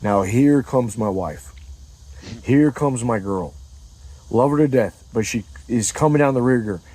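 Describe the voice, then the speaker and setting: An average-pitched man spins a comedic story in casual banter. He is animated and profane, acting out each moment with silly sound effects. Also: a little slow, no room sound, poor audio.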